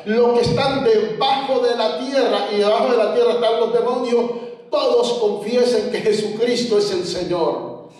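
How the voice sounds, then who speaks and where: Male pastor, sermon, slow unhurried delivery, very roomy echo. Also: high voice, a little mellow. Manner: storytelling, addressing the congregation directly. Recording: very echoey, from far off the mic.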